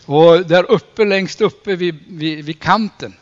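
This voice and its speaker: A man preaching a sermon in an earnest way, slowing down to stress key phrases and rising when he quotes scripture. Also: sits high. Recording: dull lo-fi recording.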